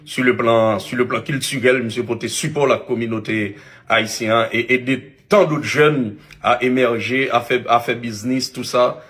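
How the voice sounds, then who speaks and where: A man with a Haitian accent, an influencer giving a halting public video apology with many restarts. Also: medium pitch, fairly even intonation, a bit bright.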